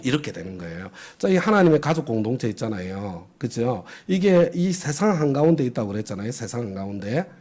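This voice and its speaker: Lively, mellow-voiced male pastor preaching. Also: mid-range voice, fairly quick, hardly any pauses. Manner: asks the congregation questions, emphatic. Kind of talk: sermon.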